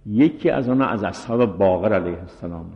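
A middle-aged man giving a measured scholarly lecture on hadith narrators as a seminary teacher, reciting Arabic quotations along the way. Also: on the low side, expressive. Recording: muffled recording with long reverb.

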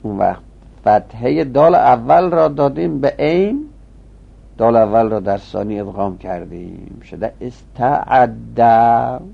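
A man teaching a grammar lesson, chanting verb conjugations in a rising sing-song and dropping to a low mutter when he explains. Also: lively intonation, vocal fry, breathy edge. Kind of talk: recorded Arabic grammar lesson. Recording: muffled low-fidelity recording.

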